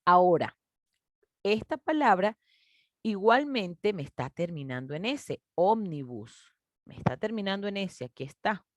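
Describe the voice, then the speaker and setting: A woman teacher, patiently explaining a grade-school grammar lesson and stretching out example words slowly. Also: medium pitch, big pitch swings, dry recording, studio quality. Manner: patient, explanatory, addresses children warmly as "mis niños".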